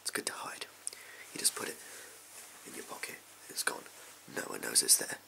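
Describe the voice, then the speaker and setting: Through a low-quality recording, a young English man's bright, forceful voice moves at a moderate pace in a whispered role-play as an amoral backstreet gun dealer. His sleazy salesman talk is furtive, clipped and offhand, the mood furtive and selling, captured near the camera in a small room at home.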